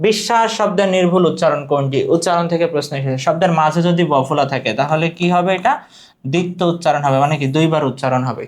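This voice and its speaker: A man teaching an exam-prep lesson, asking questions and repeating the answers. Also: on the high side.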